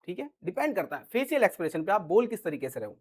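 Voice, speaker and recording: A male teacher explains grammar in a relaxed, conversational lesson, talking as if straight to his students. He repeats little check-ins as he goes and performs his example sentences in shifting tones to show how delivery changes meaning. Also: high voice, quick pace. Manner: chatty, repeats "ठीक है", acts out example lines in different tones. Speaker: English teacher. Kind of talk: casual Hindi grammar lesson.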